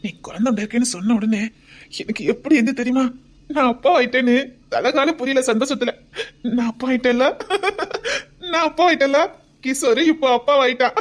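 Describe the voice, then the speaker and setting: Homemade drama role: a doting young husband with a Tirunelveli accent, soft and coaxing, higher-pitched, played by a woman. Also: fast, lightly acted. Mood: joyful. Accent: Tirunelveli Tamil. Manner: tender, pleading, often near a whisper.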